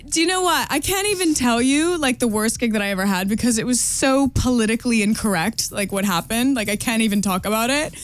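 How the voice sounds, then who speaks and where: A woman's voice: on the high side, moderate pace. Giggly woman DJ guest. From New York, USA. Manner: chatty, giggly, many fillers and restarts. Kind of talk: casual radio interview. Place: radio studio.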